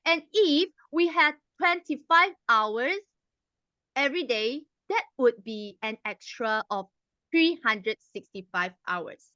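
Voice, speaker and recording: A young adult woman, a non-native English speaker with a Mandarin accent, opens a club meeting with a rehearsed speech packed with emphatic rhetorical questions. Her voice is on the high side and a bit bright. The recording is dry, dull, and lo-fi.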